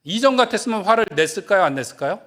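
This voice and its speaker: A man's voice: sits high, lively intonation, racing, fairly bright tone. A male pastor preaching a sermon, asking the congregation questions and answering them, and acting out the quoted speech.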